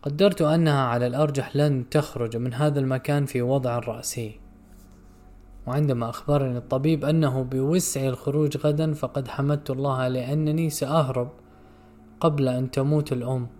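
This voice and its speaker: Man reading a somber story, mellow voice. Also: medium pitch, fairly even intonation. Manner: measured, somber narration. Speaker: narrator. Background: faint music.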